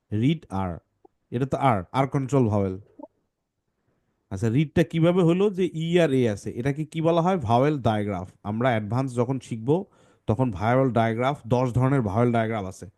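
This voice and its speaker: A man's voice: medium pitch, warm tone. A man teaching English phonics to a children's class, patiently correcting pronunciation sound by sound.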